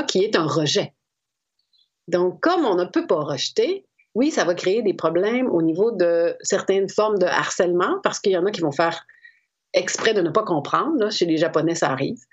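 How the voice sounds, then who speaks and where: A middle-aged woman with a Québécois French accent, explaining as an interview guest in a thoughtful, hesitant way with frequent fillers. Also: mid-range voice. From Quebec. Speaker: guest expert on Japan. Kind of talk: conversational explanation. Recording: slightly dull lo-fi audio.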